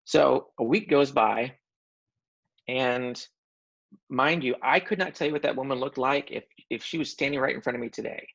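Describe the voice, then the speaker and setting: A man sharing a personal story in casual conversation, animated and joking, often restarting his sentences. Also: mid-range voice, moderate pace, gravelly. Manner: animated, self-described funny guy, frequent restarts. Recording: dull lo-fi recording.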